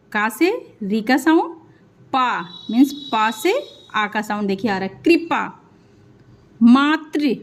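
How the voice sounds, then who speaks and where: Young lady teacher with a high voice, going slow over letter sounds for kids, patient. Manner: patient, spells sounds out slowly, often says sorry and "means". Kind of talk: online Hindi lesson for children.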